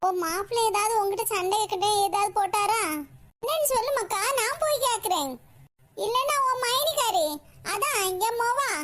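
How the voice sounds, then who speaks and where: An old mother-in-law in a comedy cartoon, played by a woman, with a piercing, very high voice. She is fiery, bossy and protective, and she scolds in rustic Kanyakumari Tamil slang. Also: fairly bright tone. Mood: coaxing.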